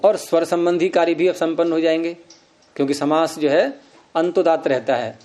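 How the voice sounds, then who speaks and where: A man's voice: on the high side, steady tone, moderate pace, a little mellow. A man teaching Sanskrit grammar, explaining step by step and quizzing his students with questions. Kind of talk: classroom lecture.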